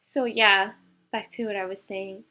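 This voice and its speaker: A young woman vlogger telling a painful personal story to camera, halting with many fillers and emotional at times. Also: medium pitch, steady tone, bright, forceful tone.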